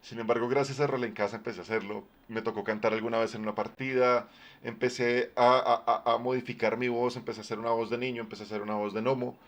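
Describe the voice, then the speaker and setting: A man with a low, deep voice chats casually on a live stream. He talks loosely and conversationally, with plenty of fillers and restarts as he gives advice. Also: flat delivery, quick pace. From Colombia. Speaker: streamer and game master.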